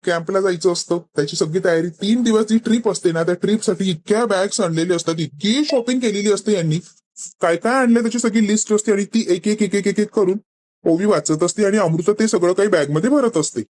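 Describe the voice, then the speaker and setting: A man's voice: sits high, a little fast, a little mellow. A man chattily retelling a TV serial episode, acting out the characters' lines along the way.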